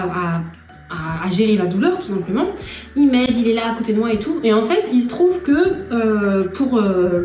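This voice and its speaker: A young woman vlogger telling a personal story in an animated, laughing way. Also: mid-range voice. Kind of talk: storytelling vlog. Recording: echoey room from far off, faint music.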